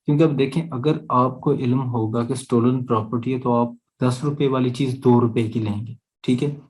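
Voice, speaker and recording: Here a male law lecturer, Pakistani-accented, delivers an explanatory class with student questions, breaking ideas into steps and regularly checking comprehension. His medium-pitched, darkish voice stays steady at a moderate pace, though the recording quality is low.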